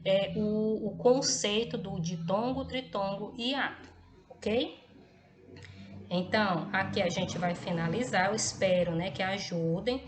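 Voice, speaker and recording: A woman teacher with a Brazilian Portuguese accent talks a class of young pupils through a lesson in a calm, mid-pitched voice. She explains step by step and checks in after almost every phrase. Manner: explains slowly with frequent tag checks, tá and ok. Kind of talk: recorded classroom lesson for children.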